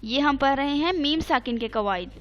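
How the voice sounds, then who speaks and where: A woman's voice: sits high, animated, dull audio. A woman teaching an online Quran recitation lesson, patiently repeating the rules and checking that her student understands. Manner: chants Arabic examples slowly.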